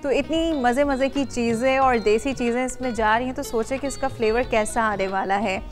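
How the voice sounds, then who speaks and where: A woman's voice: on the high side, fairly even intonation, normal speed, faint music behind. A woman in her thirties hosting a TV cooking show from a studio kitchen, chatty and talking straight to the viewers. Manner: chatty, addresses viewers directly, many affirming hums. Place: bright studio kitchen set.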